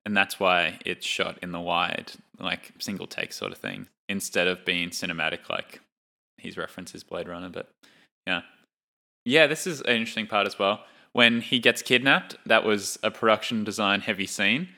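Bright-voiced young man chatting about films. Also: deep voice, normal speed, creaky. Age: young adult. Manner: relaxed, chatty, laughs while talking. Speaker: film podcast co-host. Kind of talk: casual chat.

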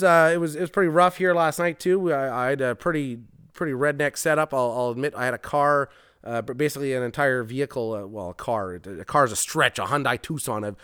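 A man's voice: mid-range voice, a bit bright, clean tone, no echo, studio quality. A man hosting a casual, improvised live podcast from a large open garage, rambling in a joking, self-deprecating and sweary way into a mic with a foam windscreen. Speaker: podcast host. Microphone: mic with foam windscreen, no pop filter.

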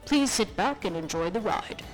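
A woman voicing an airline captain, making a formal announcement over a distant cabin loudspeaker in a children's audio story. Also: mid-range voice, lively intonation, loud music behind the voice, pitched below the performer's own voice. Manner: formal, measured announcer delivery.

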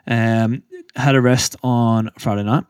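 A man's voice: medium pitch, fairly even intonation, takes it slowly, a little mellow, clean tone, no echo, clean studio sound. A young man co-hosting a podcast, telling a running story in loose, filler-heavy casual chat. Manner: rambling storytelling with many fillers. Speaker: podcast co-host.

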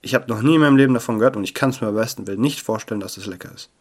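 Young male podcast host, casual and playful, jumps from loud to hushed, close sensitive mic. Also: medium pitch, very fast, husky. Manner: chatty and playful, swings between loud bursts and near-murmurs. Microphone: sensitive close mic that picks up paper rustle.

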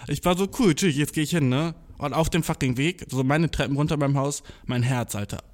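A young man telling a story in a casual monologue, slangy and swearing a lot, mixing in English words, self-mocking and excitable, stumbling over his words. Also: a little high, brisk.

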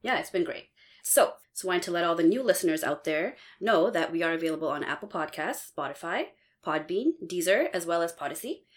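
A woman in her twenties, originally from Bangladesh, co-hosts a casual podcast in a somewhat low voice. She talks in a friendly, relaxed way, with plenty of easy fillers. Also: a little fast. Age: 20s. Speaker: podcast co-host.

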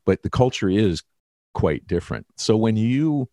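American male podcast host, very low voice, dry close sound, long winding questions. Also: expressive, moderate pace, mellow, no room sound. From United States. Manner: rambling, self-correcting questions. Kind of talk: casual interview chat. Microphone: call recording.

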